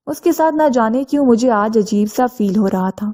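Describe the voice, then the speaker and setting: A woman narrating a first-person story in a steady, earnest scripted reading. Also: on the high side.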